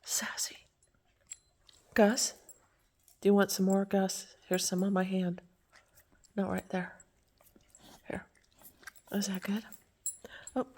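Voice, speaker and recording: A woman from Virginia coos slowly to her dogs at home, her voice husky and breathy. She often drops to a soft whisper as she talks, and the dogs can be heard around her. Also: medium pitch. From Virginia, United States. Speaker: pet owner. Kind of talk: casual talk to pets. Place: at home with pets.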